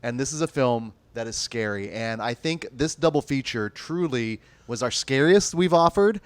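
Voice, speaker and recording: A man's voice: medium pitch, lively intonation, moderate pace. A man with an ordinary mid-range voice talks earnestly about how much a horror film scared him. He laughs easily and sounds close to the mic. The room adds almost no echo. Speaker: co-host. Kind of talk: casual post-movie discussion.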